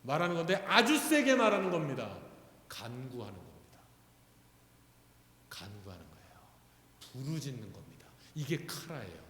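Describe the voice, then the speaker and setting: A man preaching a sermon as pastor, often asking the congregation questions and building to loud, fervent calls. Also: medium pitch, sing-song, normal speed, long pauses. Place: church sanctuary. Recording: echoey church hall.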